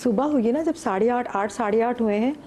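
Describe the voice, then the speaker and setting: A middle-aged woman sits on a TV studio set and tells a spooky personal story with animated, vivid detail. Her voice sits a little high but sounds mellow and soft-edged. A faint hum of noise runs underneath. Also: a little fast. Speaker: guest. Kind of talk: storytelling on a talk show.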